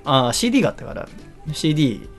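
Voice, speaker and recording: A man hosts a radio show and tells a personal story in a casual, chatty way. His pitch jumps around a lot and he talks quickly. He laughs often, and faint music plays under his voice. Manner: animated, laughs often while telling, acts out quoted lines.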